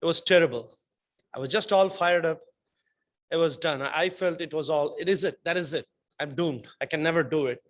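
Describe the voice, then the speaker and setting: A man giving an earnest impromptu speech about a personal story, with halting restarts. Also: a little high.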